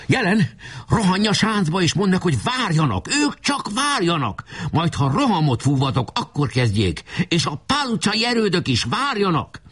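A man's voice: sits high, very animated, a bit bright, slightly rough, voice pushed up, exaggerated voice. A man reading aloud and voicing a young teenage boy general who gives urgent, commanding orders. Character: boy general, young teen, quick-thinking leader.

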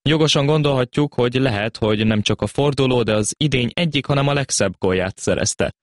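A man's voice: mid-range voice, no room sound, studio quality. A man narrating a scripted football report as a sports programme voice-over.

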